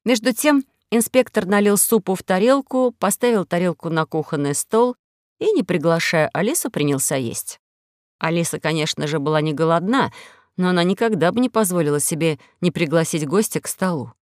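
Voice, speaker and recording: Audiobook narrator, woman, measured and even, dry close studio sound. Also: lowish voice, no room sound. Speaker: audiobook reader. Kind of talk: scripted narration.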